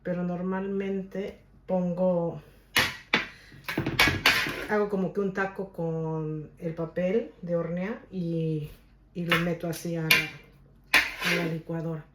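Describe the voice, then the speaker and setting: A woman's voice: lowish voice, level tone, takes it slowly, long pauses, roomy sound, heavy background noise. A woman from Guadalajara with a Mexican Spanish accent, demonstrating a recipe at home and chatting casually with her viewers. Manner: chatty, stubborn, keeps asking "¿ok?". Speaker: cooking video host. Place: home kitchen.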